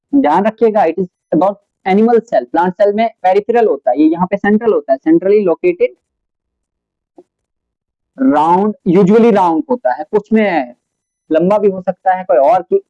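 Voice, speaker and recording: A man's voice: high-pitched, dry recording, lo-fi sound. A man giving a biology lecture at a board, asking his students questions and answering them himself, mixing English terms into his explanation. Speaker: biology teacher. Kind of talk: classroom lecture at a whiteboard.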